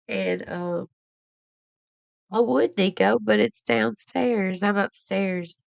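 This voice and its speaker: Chatty woman with a gravelly voice. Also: mid-range voice, extremely slow, long pauses, no echo. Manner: rambling, chatty, laughs often. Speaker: livestream host. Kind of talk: casual live-stream chat.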